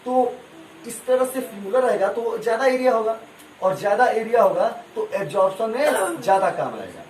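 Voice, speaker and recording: A man's voice: sits high, expressive, normal speed, darkish tone. Man teaching a class in an echoey room. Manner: asks the class to repeat answers, homely examples. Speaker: school science teacher. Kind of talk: classroom lesson with call-and-response. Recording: echoey room, far from mic, noisy.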